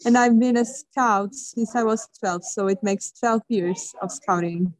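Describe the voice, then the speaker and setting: A woman's voice: medium pitch, unhurried, a little mellow, no room sound, rough recording. Playful young woman from Portugal. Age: 20s. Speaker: scout panelist.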